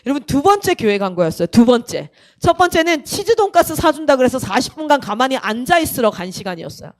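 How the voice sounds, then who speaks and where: A woman missionary telling her own story to a young crowd, in a high voice that leaps up and down as she goes. She acts out other people's lines as she tells it and keeps turning to the listeners with direct questions. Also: big pitch swings, fast talker. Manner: addresses the audience with direct questions. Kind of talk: personal testimony talk to a youth camp audience.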